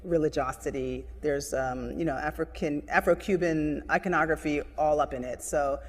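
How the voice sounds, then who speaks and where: A woman's voice: low-pitched, fairly even intonation, moderate pace, big-room sound. Cuban-born woman with Spanish as her first language. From Cuba. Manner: eager, explains at length with many restarts. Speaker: guest artist. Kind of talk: casual interview.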